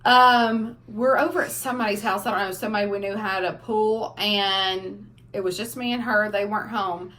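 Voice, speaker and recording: A young woman, casually telling family stories on a vlog, animated as the stories build. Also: mid-range voice, normal speed, few pauses. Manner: animated storyteller, laughing through funny parts. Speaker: family vlogger. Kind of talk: casual storytelling.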